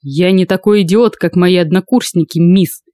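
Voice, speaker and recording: A woman voicing a stout, blustering man in an audiobook, speaking in a gruff, measured way. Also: medium pitch, mellow, no echo, lightly acted. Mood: angry. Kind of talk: audiobook character voice.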